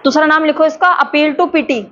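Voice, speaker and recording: A woman teacher, lecturing a class and slowly dictating terms for notes in a chatty way. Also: high-pitched, fairly bright tone. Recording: dull lo-fi with faint background noise.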